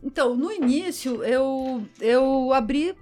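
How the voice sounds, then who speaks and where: A woman's voice: high voice, slow, mellow, soft background music. A young adult woman with a Brazilian Portuguese accent, a zumba instructor chatting on a podcast in an effusive, dramatic, storytelling way. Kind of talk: casual podcast chat.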